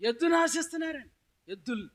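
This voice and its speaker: A man preaching a sermon as pastor, calling out with loud emphasis and putting questions to his congregation. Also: extremely high pitch, lively intonation, fairly quick.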